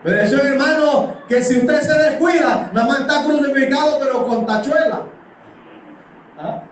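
A middle-aged church elder with a Panamanian Spanish accent and a very high voice preaches at normal speed in a small indoor church hall full of congregants. His sermon is impassioned and conversational, packed with rhetorical tag questions. The microphone sits far from the camera, so the recording is echoey, distant, and carries background noise.

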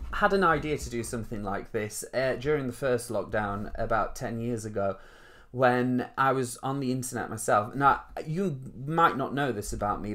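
A man in his thirties with a mild northern English accent talks to viewers on a live stream. His chat is loose and rambling, full of self-mocking asides. His pitch sits at an ordinary middle level. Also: a bit bright. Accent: Northern English, Rotherham. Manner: chatty, self-deprecating, rambling. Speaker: performer hosting a live stream.

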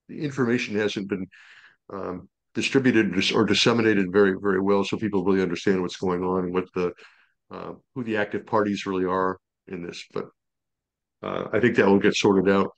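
A man chairing a public commission meeting over a video call, talking haltingly with many fillers and restarts. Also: lowish voice, gravelly.

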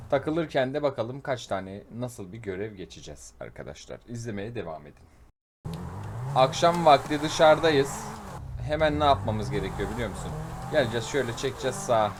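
A man giving chatty let's-play commentary, swearing jokingly and getting loud and panicky when things go wrong. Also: medium pitch, animated, normal speed, noisy background. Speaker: gaming YouTuber.

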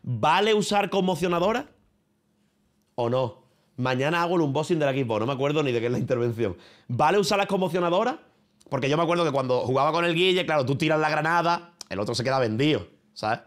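A man's voice: fairly high pitch, expressive, fast. Profane, rambling Spanish streamer man. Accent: Spain Spanish. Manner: rambling, profane, slangy, talking to viewers and a friend. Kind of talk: casual livestream chat. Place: his room at home.

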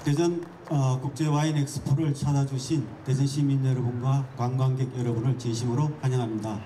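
A man welcoming visitors in a formal speech, often pausing with "uh", speaking into a handheld mic. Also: mid-range voice, level tone. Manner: frequent "uh" fillers while speaking freely. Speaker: expo organizer welcoming visitors. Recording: distant mic with outdoor noise.

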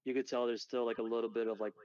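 A man chatting on a podcast, animated and swearing freely while reacting to a comic. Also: mid-range voice, racing, no room sound, lo-fi sound. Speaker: podcast co-host. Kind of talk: casual podcast reading and chat.

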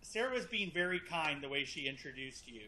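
Man moderating a video-call panel; bright voice, dry joking delivery. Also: fairly high pitch, fairly quick, rough recording. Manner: teasing, wry deadpan humor.

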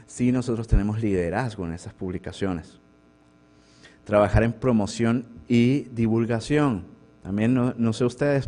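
A man, a professor, delivers a conference talk in a university lecture hall. His voice sits low and mellow. He talks in a loose, conversational way and keeps turning rhetorical questions back to the audience. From Venezuela.

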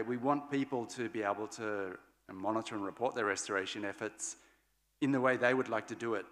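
A man's voice: mid-range voice, fairly bright tone. Male panel moderator, 40s, podium mic, unscripted wrap-up with restarts, long hall reverb. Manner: loose, searching phrasing with fillers and restarts. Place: large conference stage hall.

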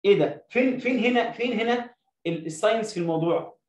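A man with an Egyptian Arabic accent, teaching an English lesson. He reads English sentences slowly, word by word, and asks questions that he answers himself. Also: high-pitched, animated, echoey room, poor audio. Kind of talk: explaining a lesson to young pupils.

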